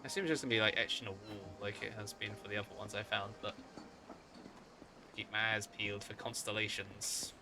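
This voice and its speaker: A man's voice: on the low side, steady tone, a little fast, music in the background. A man giving casual live gameplay commentary as a streamer, often muttering to himself. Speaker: game streamer.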